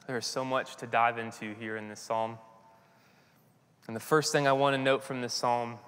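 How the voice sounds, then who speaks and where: Earnest man preaching in a reverberant hall. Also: mid-range voice. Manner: slow, earnest scripture reading with soft trailing endings. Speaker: pastor. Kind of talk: sermon.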